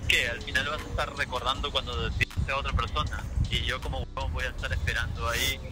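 A man's voice: mid-range voice, little pitch movement, fast talker, low-quality recording. A young man outdoors in a park, speaking into a handheld mic, incredulous and defensive as he argues with his girlfriend. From Peru. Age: young adult. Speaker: prank target boyfriend. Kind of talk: street prank conversation.

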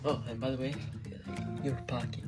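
A man's voice: mid-range voice, fairly even intonation, moderate pace, over music, lightly acted. A man playing a mumbling cannibal cook. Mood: deadpan. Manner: hesitant, filler-heavy, erupts into loud threats. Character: cannibal diner cook, male, adult, menacing. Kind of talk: amateur comedy skit voice acting.

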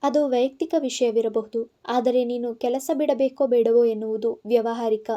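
Hot-tempered young male boss, curt and commanding, mellow timbre, voiced by a woman. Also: a little high, steady tone, normal speed, dull audio, natural voice. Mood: stern.

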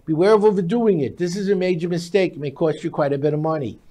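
Speaking fast in a slightly high, dark-toned voice, a speed reading teacher in his sixties is interviewed as a guest expert. His short, declarative explanations are emphatic and instructive. He sits at a glass desk in a TV-style studio, wearing a lapel mic.

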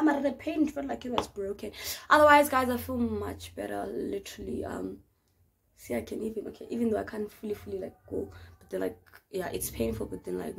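Bright-voiced South African woman vlogger. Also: medium pitch, creaky, slight background noise. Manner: chatty and expressive, keeps addressing viewers. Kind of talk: casual storytime chat.

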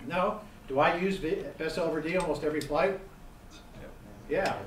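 Middle-aged man, instructor, a bit higher-pitched than most, quizzes listeners and hammers points home; echoey room, distant mic. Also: normal speed, a little hiss or hum. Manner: quizzing the audience, emphatic repetition. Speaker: gliding safety instructor. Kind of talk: interactive seminar lecture. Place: seminar room.

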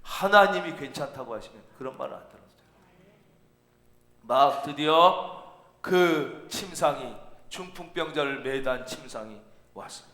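A man preaching a sermon as pastor, animated, acting out imagined voices and repeating phrases for emphasis. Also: on the high side, moderate pace, pauses often. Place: church sanctuary. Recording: echoey church hall.

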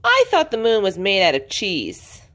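A woman's voice: mid-range voice, wildly swooping pitch, measured pace, fairly bright tone. A jolly, know-it-all father pig, read by a woman explains things kindly. The voice rises and falls a lot, like a storybook read aloud.

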